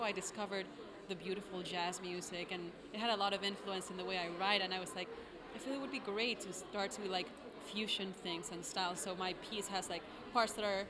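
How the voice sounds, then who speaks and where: Young woman, composer, relaxed casual answers over audible noise. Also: mid-range voice, brisk. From Argentina. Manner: relaxed, fills with "like" often. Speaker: composer and singer. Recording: noisy background.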